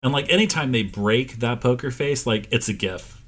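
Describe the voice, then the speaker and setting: A man co-hosting a podcast in casual comedic chat, with dry, deadpan jokes. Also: medium pitch, a little fast. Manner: dry, jokey, deadpan absurd asides. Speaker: podcast co-host.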